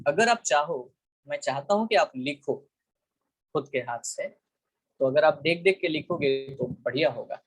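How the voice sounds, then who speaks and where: An Indian man with a slightly raised pitch leads an online biology class. He moves between Hindi and English in a coaxing teacher's manner, calls students "beta" and keeps checking whether they are clear. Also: animated, measured pace, low-quality recording. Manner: asks the class frequent check questions.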